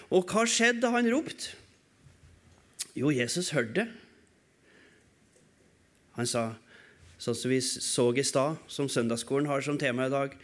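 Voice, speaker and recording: A man preaching a sermon in a church service, asking rhetorical questions and swinging between raised calls and quiet, low passages. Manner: emphatic, asks rhetorical questions and answers them.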